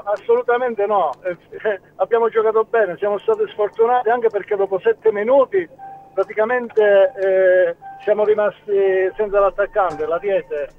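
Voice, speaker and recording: A man, a football club president, speaking over a phone line in a halting way with frequent restarts. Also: high voice, expressive, gravelly, faint music behind. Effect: heard over a phone line. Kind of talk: phone-in interview. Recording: tinny phone line with faint noise.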